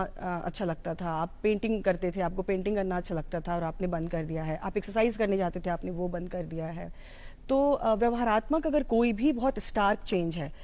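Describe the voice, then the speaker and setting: This psychology educator, a woman with an Indian accent, has a lowish, slightly mellow voice. Her talk is informal and explanatory, and she mixes in English terms as she teaches.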